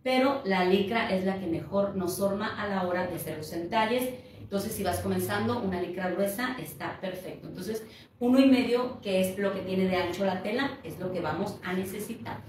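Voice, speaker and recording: A woman's voice: mid-range voice, moderate pace, a little mellow. A woman teaching a step-by-step sewing tutorial, patient and instructive as she counts out measurements. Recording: echoey room, voice a bit far from the mic, faint noise.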